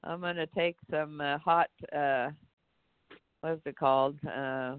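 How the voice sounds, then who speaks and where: A woman co-host on a call-in talk show who is losing her voice to a cold. She chats casually and gropes for words, her voice low and husky for a woman. She comes through a dry, thin phone line. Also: fairly even intonation, slow, no echo. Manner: casual, laughing, searching for words.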